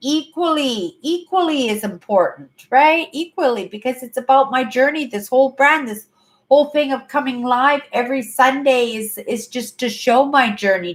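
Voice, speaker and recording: A high-pitched Canadian woman in her fifties speaks at a moderate pace while hosting a casual livestream chat from her apartment. She rambles, says things more than once, and finishes sentences with "right?"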